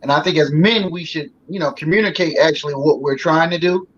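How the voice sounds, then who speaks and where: Fairly high-pitched, husky and fairly bright, this talk-show guest in his forties talks briskly in a loose, folksy way full of fillers. It's casual conversation, captured with a slightly dull sound and faint noise.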